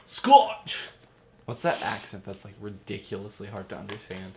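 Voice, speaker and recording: Young dude cohosting, gets loud and goes all in acting out his stories, echoey room. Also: lowish voice, a little fast, vocal fry. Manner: animated storyteller, acts out voices and jumps in loudly. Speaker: podcast co-host. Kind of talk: casual chat.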